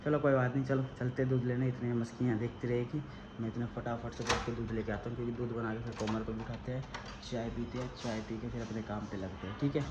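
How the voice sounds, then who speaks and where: A man's voice: medium pitch, level tone, fast, highs cut off. Chatty young man vlogging, noisy background. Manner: chatty, talks straight to camera and teases the dog. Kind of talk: casual family vlog chat. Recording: noisy handheld phone recording.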